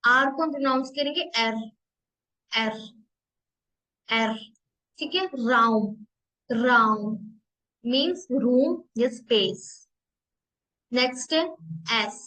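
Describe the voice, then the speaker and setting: High-voiced woman teaching German letters slowly. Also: a bit bright, poor audio. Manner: repeats each sound several times, slow and deliberate with drawn-out English reading. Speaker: German language instructor. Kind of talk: recorded language lesson in Hindi-English mix.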